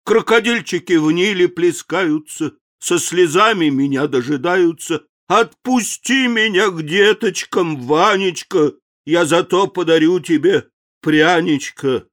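A man voicing a sly male crocodile in a storybook reading, begging softly to be spared. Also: high-pitched, expressive, measured pace. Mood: pleading. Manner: soft, wheedling and begging.

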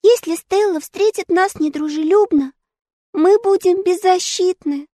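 A woman's voice: extremely high pitch, a little slow, dark tone, no room sound, clean studio sound, voice pushed up. A woman doing a young anxious girl. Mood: earnest. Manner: pleading, childlike.

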